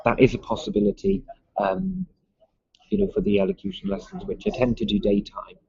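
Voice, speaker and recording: A man's voice: high-pitched, big pitch swings, fairly quick, gravelly, darkish tone, slightly rough, no echo. A man from Liverpool with a mild Liverpool accent, a music school owner answering interview questions hesitantly, with many ums and restarts. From Liverpool, England. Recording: dull lo-fi sound.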